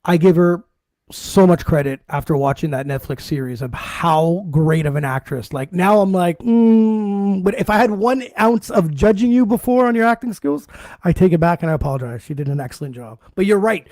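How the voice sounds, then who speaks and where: Podcast host, casual interview, chatty and encouraging, mid pitch, dry close sound. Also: a little mellow, no room sound. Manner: chatty, cheers the guest on with quick agreement.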